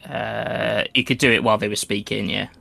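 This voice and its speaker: A man's voice: lowish voice, level tone, normal speed, vocal fry, bright, forceful tone. A man acting as game master, casually narrating a tabletop game.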